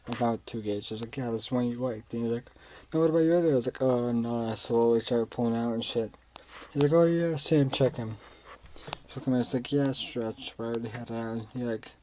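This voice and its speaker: A man's voice: fairly low pitch, dark tone, a little hiss or hum, rough recording. A young man rambling through a personal story in a casual vlog, swearing often and using lots of fillers. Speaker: vlogger.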